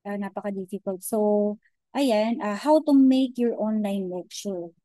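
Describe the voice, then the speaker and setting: A woman giving an informal online lecture, mixing Tagalog and English, often checking in with "okay?" and pausing to search for words. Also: mid-range voice, warm tone, no echo, rough recording. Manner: chatty Taglish, frequent "okay?" and "di ba?" check-ins; many hesitations and restarts.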